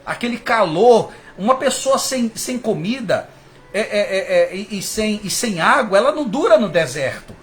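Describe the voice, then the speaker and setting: High, animated preacher. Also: male voice, moderate pace, slight background noise. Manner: fervent, rising and falling, addresses listeners as brothers. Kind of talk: sermon.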